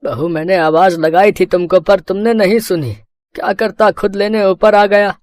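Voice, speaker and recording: A woman's voice: on the low side, normal speed, darkish tone, dry recording, studio quality, voice pushed down, lightly acted. A woman doing a frail weary old father-in-law. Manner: weary, sorrowful.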